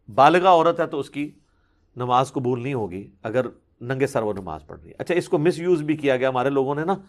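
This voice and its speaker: A man giving a religious question-and-answer talk, reasoning patiently and pressing hard on his key points. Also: fairly high pitch.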